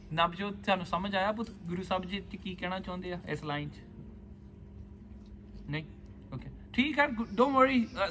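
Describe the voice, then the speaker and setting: High-voiced man teaching a scripture class. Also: pushed and bright, a little hiss or hum. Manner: patient, calls students by name, asks questions. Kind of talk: class lesson mixing Punjabi and English.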